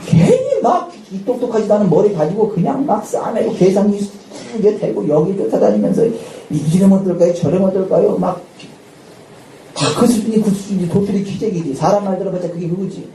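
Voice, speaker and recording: A male pastor preaching a sermon with lively energy, often shouting out dramatic lines and laughing. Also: high-pitched, fairly quick. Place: church sanctuary at a Friday night service. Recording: echoey church hall, distant mic, faint noise.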